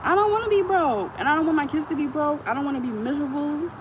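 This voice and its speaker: A woman with a high voice talks straight to her phone, blunt and profane, repeating lines to drive them home. She records outdoors, and traffic and street noise run clearly under her voice. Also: fast talker. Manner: animated, repeats lines for emphasis. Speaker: vlogger. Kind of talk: casual monologue to camera.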